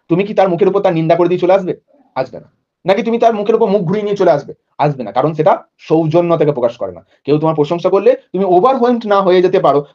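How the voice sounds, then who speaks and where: A man teaching a literature class, reading poem lines slowly and then explaining them in a lively, chatty way. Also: high-pitched, highs cut off.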